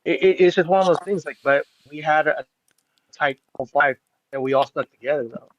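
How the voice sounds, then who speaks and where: Man, fairly high, insistent explainer, dull dry lo-fi mic. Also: normal speed, no echo. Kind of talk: casual stream chat.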